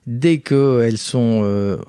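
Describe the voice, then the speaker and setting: A man chats as an interview guest, recounting family anecdotes with animated quoted voices. His voice sits at an ordinary middle pitch. The recording is very dry and close. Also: slow, clean tone, no room sound. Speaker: guest, entrepreneur and father. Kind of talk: casual interview storytelling.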